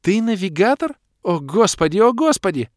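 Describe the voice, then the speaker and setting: A man voicing an excitable young woman in an audiobook, squealing and firing rapid questions. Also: mid-range voice, dry recording, studio quality, pitched above the performer's own voice. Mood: excited. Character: excitable young woman, shrieking, quick to pester. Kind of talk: audiobook character voice.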